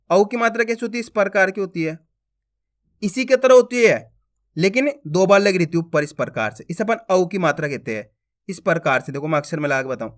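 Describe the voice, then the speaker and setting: Guy teaching hindi syllables, says each one slow and loud, keeps asking if you got it. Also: high-pitched. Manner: slow, drawn-out syllable drills with questions to the viewer. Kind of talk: lesson on reading Hindi letters.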